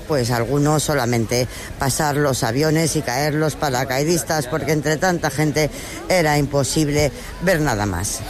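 A woman from reporting on location from a crowded street parade, in a lively manner. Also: rumbling low. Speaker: field reporter. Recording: outdoor street noise behind.

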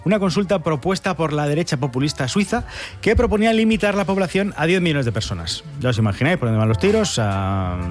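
A man hosts a news commentary show at a brisk clip, tossing in ironic, joking asides. His voice sits a little high for a man, and soft music plays faintly behind him. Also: sing-song. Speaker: host.

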